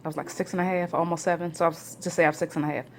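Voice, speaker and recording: A woman in her forties chatting at home in a rambling family vlog, now and then rising into loud, excited bursts. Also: on the low side, rapid-fire, slight background noise. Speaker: family vlogger. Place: home, near the kitchen.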